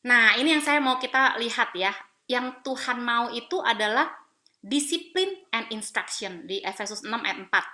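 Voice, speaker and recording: A woman pastor from Palembang, Sumatra, preaching to mothers in a chatty, animated way and dropping English phrases into her talk. Her voice sits a little high with a bright, forceful edge. She laughs readily as she goes. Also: moderate pace. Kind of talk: women's Bible talk sermon.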